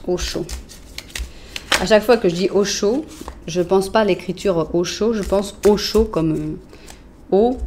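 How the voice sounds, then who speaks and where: A French woman talks her viewers through a tarot spread in a loose, friendly way. She muses aloud, jokes a little and fills her pauses with small hesitations. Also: on the low side, darkish tone, a little hiss or hum. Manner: chatty, playful, thinking aloud with fillers. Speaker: tarot reader. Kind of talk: casual tarot reading to camera.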